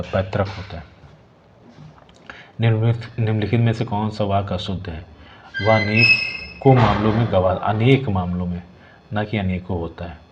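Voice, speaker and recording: A low-voiced man walks through exam questions as a tutor, repeating each corrected word slowly. The recording is dull and lo-fi, with a faint hiss underneath. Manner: repeats words slowly, adds "ठीक है" checks. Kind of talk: explaining exam questions, partly reading options.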